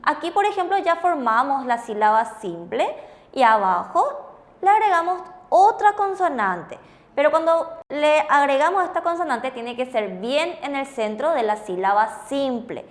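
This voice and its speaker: A woman's voice: sits high, animated, moderate pace. A woman teaching a language lesson, patiently explaining steps and confirming answers with her co-teacher. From Paraguay. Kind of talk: classroom explanation with questions.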